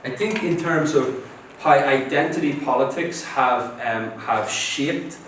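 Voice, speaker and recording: A man's voice: mid-range voice, slow pace, fairly bright tone, slight background noise. A man from Ireland, giving a university lecture and checking in with his listeners as he explains. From Northern Ireland. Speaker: guest lecturer. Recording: very echoey hall, distant mic, faint ambience.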